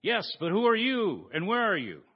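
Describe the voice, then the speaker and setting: A preacher voicing a panicked man clinging to a branch over a drop, pleading and yelling for help, in a dull recording with long church reverb. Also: high voice, wildly swooping pitch, moderate pace, husky, voice pushed up, exaggerated voice. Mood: anxious.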